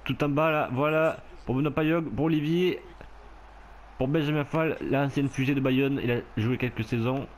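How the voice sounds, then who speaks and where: Male gamer narrating rugby gameplay, easily worked up, mid-pitched voice, faint noise behind. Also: normal speed. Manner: excitable, shouts and laughs at the game. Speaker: gameplay commentator. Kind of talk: casual rugby video game commentary.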